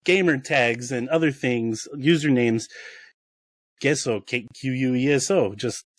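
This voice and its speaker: A man's voice: mid-range voice, unhurried, no echo. Man telling rambling stories, laughing. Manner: rambling, restarts a lot, laughs at his own stories. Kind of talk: casual chat, storytelling.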